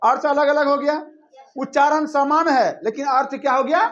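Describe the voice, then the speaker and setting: A man's voice: very high-pitched, fairly even intonation, moderate pace, a bit bright, dull audio. A male teacher giving a classroom lesson, drilling students by repeating his questions and answers back and forth.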